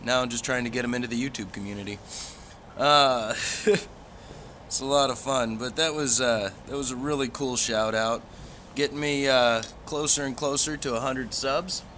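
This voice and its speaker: A man's voice: mid-range voice, moderate pace, fairly bright tone, a little hiss or hum. A man chatting casually to a livestream as a pipe hobby vlogger, in a rambling, easygoing way with folksy phrasing.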